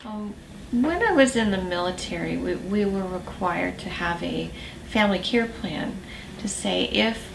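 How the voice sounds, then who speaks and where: Gravelly woman air force veteran, echoey. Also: medium pitch, animated, a little slow. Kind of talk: interview testimony. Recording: echoey, distant, noisy room.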